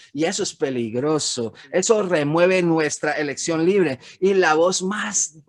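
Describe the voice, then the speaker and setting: A man, an economist, giving a frank, emphatic webinar presentation over slides, with some fillers and restarts. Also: a little high. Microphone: webinar recording.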